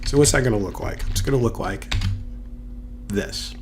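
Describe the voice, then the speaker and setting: A male university instructor, his voice hoarse with a cold, walks through a casual screen-recorded data tutorial, thinking out loud and using fillers. His pitch is mid-range, his speed normal, and there's background noise.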